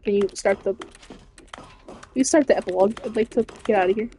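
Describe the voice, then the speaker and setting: A woman's voice: mid-range voice, a little fast, mellow, a little hiss or hum. A woman giving casual, swearing commentary while streaming a game.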